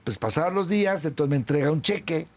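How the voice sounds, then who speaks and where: A man's voice: animated, fast. A middle-aged man with a Mexican accent, an interview guest who tells an anecdote and acts out the remembered dialogue himself. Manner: acts out both sides of remembered dialogue with big pitch swings. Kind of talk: storytelling in an interview.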